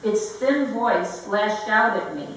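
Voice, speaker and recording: A woman poet giving a live poetry reading, speaking slowly and deliberately, with light laughs between lines. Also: medium pitch, animated, fairly bright tone, distant mic. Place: gallery event room. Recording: very echoey room, voice heard from afar with faint background hiss.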